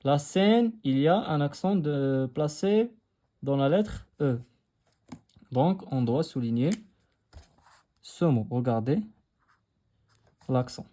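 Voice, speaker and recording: A man's voice: on the high side, animated, slow, pauses often, dark tone. A young Moroccan man teaching a lesson in a patient way, repeating his phrases and switching between French and Arabic. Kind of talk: explaining a textbook lesson.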